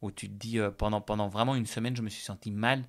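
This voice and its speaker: A man's voice: fairly low pitch, fairly even intonation, fast talker. A man casually telling a personal story as a podcast guest, chatty with many fillers.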